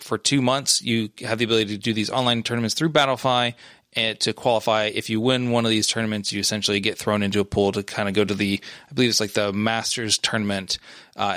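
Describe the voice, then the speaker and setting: A man's voice: fairly low pitch, fairly bright tone, dry recording, clean studio sound. A man co-hosting a casual gaming podcast, explaining things in a rambling way with lots of restarts. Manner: rambling, many restarts and fillers. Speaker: podcast co-host. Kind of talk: casual esports chat.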